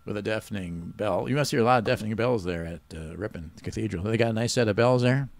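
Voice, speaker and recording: Man, quiz host, gravelly voice, dry close sound, wisecracking. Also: fairly low pitch, fast, no echo. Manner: wisecracking, teasing. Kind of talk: joking quiz banter.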